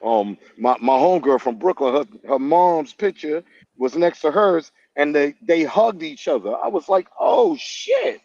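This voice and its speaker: A man's voice: fairly high pitch, lively intonation, normal speed, creaky, a little mellow, no echo, dull audio. A man joining a casual podcast chat over a remote call, brash and teasing as he cuts in.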